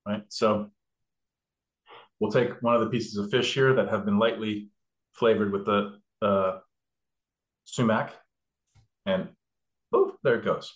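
A rambling cook with a voice on the low side takes things slowly and pauses often, keeping his intonation fairly even. He explains each step of his recipe with fillers in an echoey kitchen, in a casual cooking demonstration.

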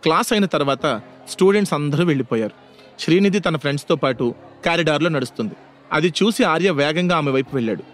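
A man's voice: a little high, animated, quick pace, soft background music. A man narrating a scripted audio story in a dramatic storytelling manner.

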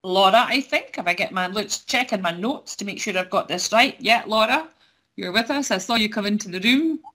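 A woman with a bright, forward voice at a medium pitch hosts an online event over a video call. She handles introductions and handovers informally. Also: expressive, normal speed.

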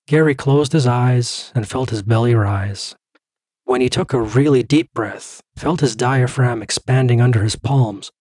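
A man reads a contemporary short story aloud in a measured, wry manner. His voice is husky and his pace slow. The recording is close and dry. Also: medium pitch, a little mellow, no room sound, rough recording. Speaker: narrator. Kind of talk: scripted story narration.

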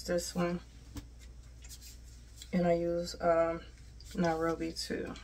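A woman's voice: lowish voice, gravelly, slight background noise. An American woman in her thirties giving a casual, chatty tutorial. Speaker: hair tutorial host. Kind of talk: casual instructional chat. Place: small home bathroom, indoors. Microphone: camera a short distance away. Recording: voice distant from the mic.

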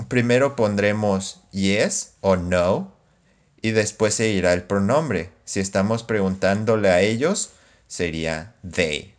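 Slow, low-voiced male English teacher. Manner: slow, careful drilling of example phrases. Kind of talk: scripted online English lesson.

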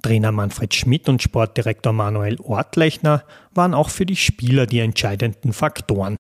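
A man, the podcast host, reading scripted narration in a clear, measured way. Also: mid-range voice, animated.

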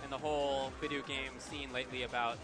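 A young man co-hosting a casual chat, animated and laughing often, with lots of fillers. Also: medium pitch, fairly quick, over music. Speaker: co-host.

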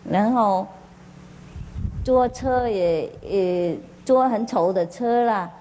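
A woman's voice: mid-range voice, takes it slowly, dark tone. A spiritual teacher, a woman, tells a parable to a gathering in a chatty, laughing manner with many fillers, often questioning her listeners. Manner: questions the audience directly. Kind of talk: storytelling sermon to a gathering. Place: group meditation gathering.

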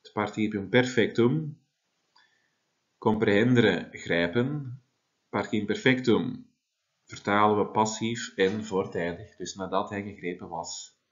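A man's voice: on the low side, unhurried, dull audio. A man, teaching a Latin translation lesson and explaining step by step with frequent tag questions. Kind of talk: classroom lesson.

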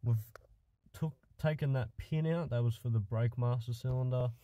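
A car project vlogger with a mid-range voice at normal speed talks through his work in a tight car footwell, breathless and swearing under his breath. The background is noisy.

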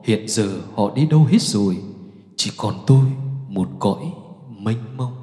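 A man from central Vietnam recites mournful verse in a declamatory way, his voice sometimes rising to cries. His tone is dark and mellow. A long hall reverb trails every line. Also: medium pitch, lively intonation, measured pace. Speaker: spiritual teacher.

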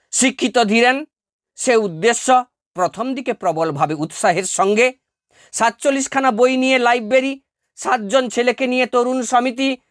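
A woman teacher with a fairly high-pitched voice reads out an essay of exam answers for twelfth graders in scripted educational narration. She sounds formal, emphatic and deliberate in her phrasing, recorded dry at studio quality.

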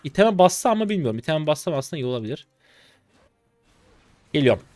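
A man in his twenties from Turkey, a streamer commentating his game live in an excitable, chatty way, talking to his viewers and teasing opponents. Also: fairly high pitch, fast, soft background music. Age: 20s. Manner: excitable, chatty, talks to chat, bursts of laughter and teasing.

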